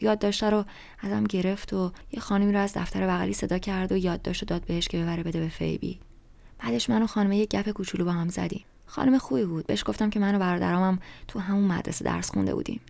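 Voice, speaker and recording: Gravelly-voiced woman narrating an audiobook. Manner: soft, often half-whispered, low-key storytelling. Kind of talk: first-person novel narration.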